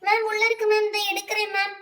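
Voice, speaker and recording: A woman's voice: very high voice, little pitch movement, fast, a bit bright, pitched above the performer's own voice. A woman voicing an anxious young schoolgirl who pleads for help. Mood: panicky.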